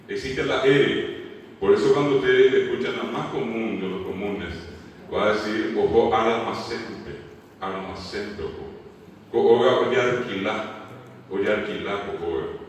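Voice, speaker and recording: Paraguayan male lecturer, low-pitched, acts out examples; recorded far off in a reverberant hall with faint noise. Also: normal speed. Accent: Paraguayan Spanish. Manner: demonstrative, acts out how people mispronounce words. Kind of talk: symposium lecture. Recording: echoey hall mic from far off.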